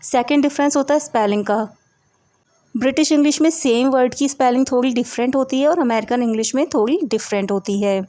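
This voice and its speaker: A woman teaching English vocabulary to Hindi speakers, explaining each word slowly and clearly with repeated examples. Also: sits high, mellow, dry recording.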